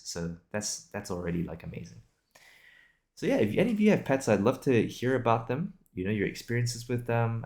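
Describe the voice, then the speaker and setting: With a deep voice full of vocal fry, a young man from Singapore and Australia talks casually to his video podcast audience on his own. He makes it up as he goes, hesitating, rambling, and circling back while thinking out loud.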